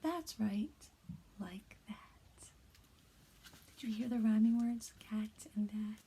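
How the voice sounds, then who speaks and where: A kindergarten teacher in her thirties reads a bedtime board book aloud to young children, gentle and encouraging, in a soft, hushed voice that often sinks to a whisper. Her medium-pitched voice is husky and breathy, and she speaks slowly and unhurriedly.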